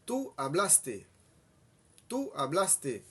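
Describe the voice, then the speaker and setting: A man teaching a language lesson, saying each phrase twice, slowly and deliberately. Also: a little high, huge pitch swings, pushed and bright, husky. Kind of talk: slow bilingual language lesson.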